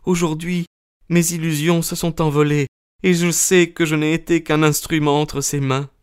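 A man reading aloud, voicing a distraught young woman in a high, pleading voice. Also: fairly even intonation, moderate pace, clear, resonant tone, no echo, studio quality, close to an everyday voice. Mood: sobbing, bitter. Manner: breathless, high pleading delivery.

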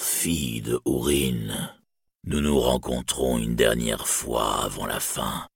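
Casting: dying gloating dragon, very low and slow, husky, read by a man. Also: fairly bright tone, no echo, studio quality, full character voice. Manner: slow, deep, menacing delivery. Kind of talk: audiobook reading.

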